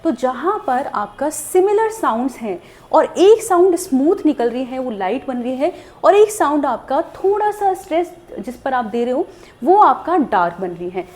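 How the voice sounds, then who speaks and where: Lively high-voiced woman teaching. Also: moderate pace. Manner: patient, explanatory, repeats "theek hai". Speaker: shorthand teacher. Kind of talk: recorded lesson.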